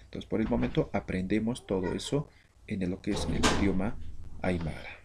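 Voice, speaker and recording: A man from Bolivia teaching a language lesson, reading vocabulary slowly word by word with explanations. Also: fairly low pitch, vocal fry, a little mellow, a little hiss or hum. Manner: slow, deliberate word-by-word drilling.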